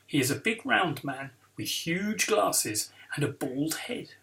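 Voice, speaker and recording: Expressive man reading a children's book. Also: a little high, slow, gravelly. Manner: expressive storytelling. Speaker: author and illustrator.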